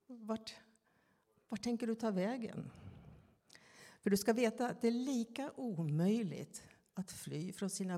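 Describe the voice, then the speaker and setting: A woman's voice: mid-range voice, mellow. Woman preaching in a reverberant church. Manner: slow, reflective, with pauses and questions to listeners. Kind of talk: sermon.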